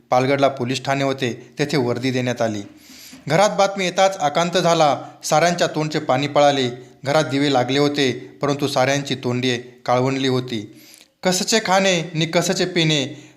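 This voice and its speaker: Man reading a story aloud, expressive. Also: a little high. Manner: expressive, lifts and drops his voice with the story. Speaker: reader.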